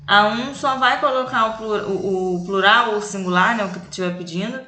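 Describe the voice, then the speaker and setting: A Brazilian woman teaching children, her voice bright and clear. She explains step by step and keeps checking that they follow. The room around her rings with echo. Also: mid-range voice, normal speed. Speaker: primary school teacher. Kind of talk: recorded lesson for children. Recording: echoey room.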